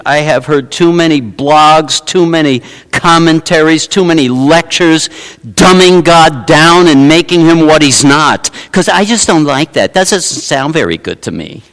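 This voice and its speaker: A man preaching a sermon as pastor, swinging from hushed asides to loud exclamations. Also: a little high, measured pace, smooth. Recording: long reverb of a large hall.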